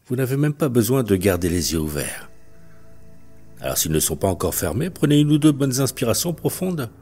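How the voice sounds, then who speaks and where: A male hypnotherapist leading a guided hypnosis session in a slow, detached, hypnotic delivery, with soft music behind him. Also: mid-range voice, big pitch swings. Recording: faint background music.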